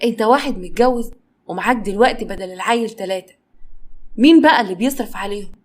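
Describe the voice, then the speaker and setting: A woman's voice: medium pitch, fast, close to an everyday voice. A woman with an Egyptian accent voicing a man's friend who talks to him bluntly and scolds him. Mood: scolding.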